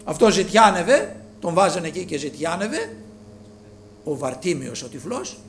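A man preaching a sermon with fervor, rising to loud calls and dropping low. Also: very animated, a little hiss or hum.

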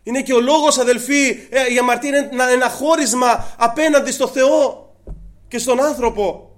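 A man preaching a sermon, often calling out to his brothers and swinging between hushed, quiet passages and raised, emphatic ones. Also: very high voice, fairly even intonation.

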